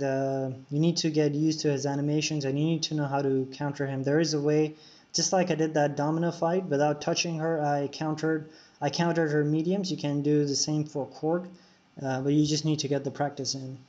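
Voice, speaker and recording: This man streams a mobile game live, giving viewers tips between fights and answering chat as he plays, casual and full of fillers. His voice is a little high and warm, with flat delivery at normal speed, and the recording is dull and lo-fi.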